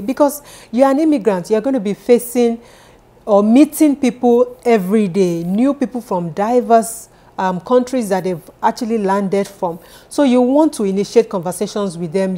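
Her voice is warm and mid-range, carrying a Nigerian accent. A Nigerian woman in her thirties who vlogs for immigrants, she gives earnest, encouraging advice straight to camera from her living room sofa and keeps returning to her main points.

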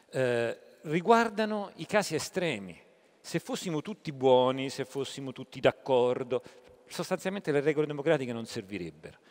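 A man talks as a journalist on a live public panel, his voice at an ordinary middle pitch. He breaks his sentences with frequent hesitant "eh" fillers. The sound carries the long reverb of a conference hall. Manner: halting, with many "eh" fillers.

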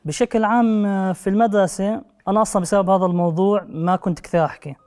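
A young man with a slightly high voice speaks Levantine Arabic at a very fast pace. He has a speech impediment on his r sounds and talks as an interview guest. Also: steady tone, a little mellow, clean tone. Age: young adult. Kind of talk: personal interview. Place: TV studio. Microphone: lapel.

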